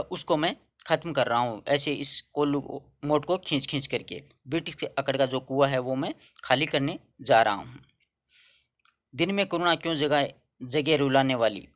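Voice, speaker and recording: A man's voice: medium pitch, a bit bright. A man teaching a Hindi poem for a school class. He reads each verse, then explains it in simple words and puts questions to the students. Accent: Rajasthani-tinged Hindi.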